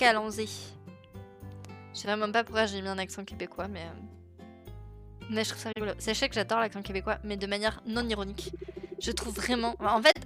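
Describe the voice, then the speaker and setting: A woman's voice: mid-range voice, a bit bright. A woman streamer chatting casually and rambling on a gaming livestream, reading game dialogue aloud as she plays. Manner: chatty and rambling, with frequent fillers and laughs; reads game dialogue aloud while playing.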